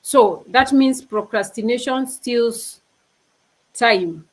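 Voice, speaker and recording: A young Kenyan woman speaks as a panel speaker on a video call, giving a motivational talk that is earnest yet casual. Her voice sits on the high side and moves slowly. She frequently restarts sentences and laughs easily.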